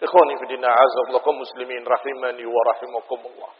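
A man giving a Friday sermon, impassioned, moving between loud emphasis and quiet low passages. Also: flat delivery, fast talker. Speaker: preacher. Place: mosque. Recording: dull, muffled sound with long hall reverb.

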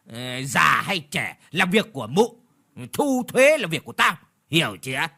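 A man voicing a cruel, brutal village chief who shouts and snarls threats at villagers. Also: medium pitch, fast, breathy edge. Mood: snarling rage.

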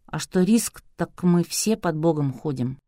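A woman voicing a calm male journalist who speaks gently but firmly in an audiobook. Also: sits low, a little slow, dry recording, studio quality. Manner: firm, gentle.

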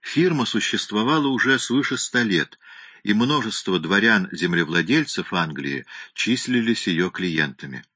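A man reading a novel aloud as an audiobook narrator in a measured, even storytelling manner. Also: fairly low pitch, breathy edge, no room sound. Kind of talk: scripted narration.

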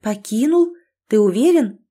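A woman's voice: fairly high pitch, expressive, measured pace, mellow. A woman voicing a fierce, emotional young werewolf woman in an audiobook, speaking in an agitated, raised tone.

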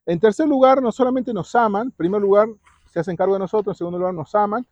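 A man's voice: sits high, quick pace, a little mellow, no echo. Guy preaching to kids, keeps going "¿sí?", dry close sound, kinda muffled. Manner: keeps asking the audience questions, tags lines with "¿sí?". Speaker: youth retreat speaker. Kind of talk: Bible talk to preteens. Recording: dull lo-fi recording.

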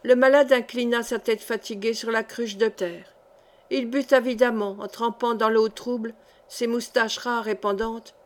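A woman reading a classic short story aloud in a measured, clear way. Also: on the high side. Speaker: audiobook reader. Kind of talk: literary narration.

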